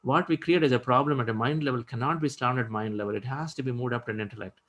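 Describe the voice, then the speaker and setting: A man's voice: mid-range voice, quick pace, fairly bright tone, low-quality recording. A middle-aged man hosting an online meditation session, speaking reflectively and encouragingly with loose, repetitive phrasing. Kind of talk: spiritual talk and hosting.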